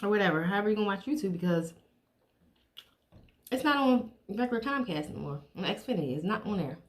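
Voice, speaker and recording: A middle-aged woman chatting casually to viewers while she eats, chewing as she talks and pausing between bites. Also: mid-range voice, lively intonation. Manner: chewing while talking, with pauses to eat. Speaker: mukbang vlogger.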